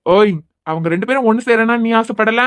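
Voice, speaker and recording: A woman's voice: a little high, brisk, lightly acted. A woman voicing a teasing young husband in a cartoon web series, with a Kanyakumari Tamil accent and a playful, bantering manner.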